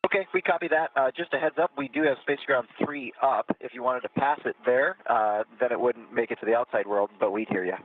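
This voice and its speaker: A crew member speaking over a radio link from space in brisk, businesslike radio procedure. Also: male voice, mid-range voice. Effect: radio link from space, thin and distant. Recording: tinny, dry radio downlink.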